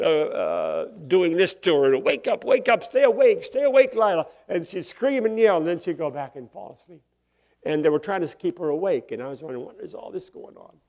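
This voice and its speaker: An older male pastor preaching in a slightly high voice. He tells personal stories in a relaxed, conversational way, chuckles often, and now and then climbs into loud, emphatic bursts.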